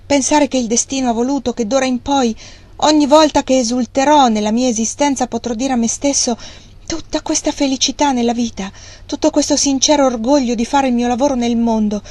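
A woman reading aloud, voicing a proud male mill owner who speaks with low, earnest intensity. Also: moderate pace, darkish tone, natural voice. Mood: passionate.

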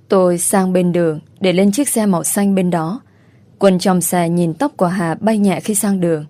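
A woman reading a first-person story aloud in an emotional, dramatic manner. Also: lowish voice. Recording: soft music underneath.

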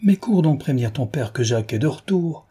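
A man's voice: medium pitch, steady tone, normal speed, warm tone, slightly rough, natural voice. A man voicing an effusive, petulant middle-aged mother who scolds fondly in a chattering way, in a novel reading. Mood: scolding.

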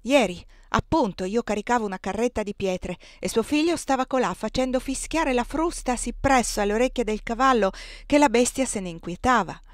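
Woman reading a bitter defiant young husband, low and grim, storybook audiobook, dry sound. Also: expressive, brisk, few pauses, no room sound, natural voice. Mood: bitter, indignant.

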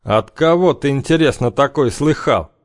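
A man's voice: animated, moderate pace, no echo, studio quality, close to an everyday voice. A man doing a sinister weathered gang boss. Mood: ominous. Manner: raised pitch, ominous warnings. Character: old gang leader, hardened, sinister, weary.

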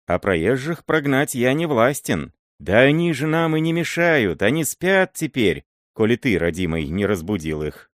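Man putting on a high, pleading old miller. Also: huge pitch swings, moderate pace, no room sound, studio quality. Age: older. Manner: pleading, wheedling, high-pitched. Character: timid fawning old male miller sorcerer. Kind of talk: audiobook character voice.

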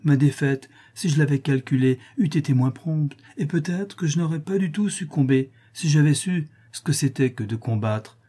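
Effusive young noblewoman pleading her case, pitched up, read by a man. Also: moderate pace, few pauses, dark tone, husky. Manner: pleading, effusive, rising higher. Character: young countess, passionate and impulsive.

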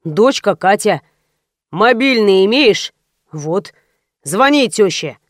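A woman voicing a calm, odd elderly father who gives ominous warnings, in an audiobook. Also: medium pitch, slow pace, no room sound, clean studio sound.

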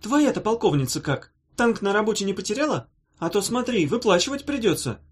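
A man reading a storybook voices a sharp-tongued, scornful young woman with a mocking, sarcastic manner. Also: medium pitch, sing-song, fairly quick, breathy edge, pitched above the performer's own voice. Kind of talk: audiobook character voice.

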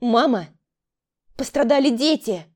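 A woman's voice: fairly high pitch, expressive, a little slow, a little mellow, pitched above the performer's own voice. A woman voicing a stern older sister, a doctor, who interrogates and gives orders in a raised voice. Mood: angry. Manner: commanding, interrogating.

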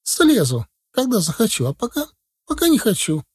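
A man's voice: sits high, huge pitch swings, normal speed, husky, pitched above the performer's own voice, full character voice. A man reading an audiobook voices a stubborn, frightened eight-year-old village boy stuck in a tree, whiny and a bit nasal. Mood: defiant.

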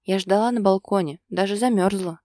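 A woman's voice: medium pitch, fairly quick, dark tone, dry recording, clean studio sound, close to an everyday voice. A woman voicing a stubborn, hurt young woman who wants a child, speaking in a sulky, peevish way.

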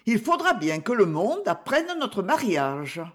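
Brief: man voicing a bright, playful young maid in a storybook, raised lively pitch, slow delivery. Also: exaggerated voice. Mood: cheerful. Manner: gentle, playful replies. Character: young woman servant, cheerful and modest.

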